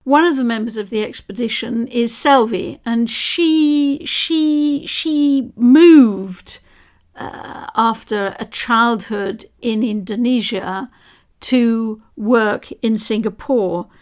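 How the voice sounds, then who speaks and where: A woman's voice: fairly high pitch, takes it slowly, darkish tone. A woman hosting a podcast as expedition leader, speaking reflectively with frequent restarts. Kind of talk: podcast narration.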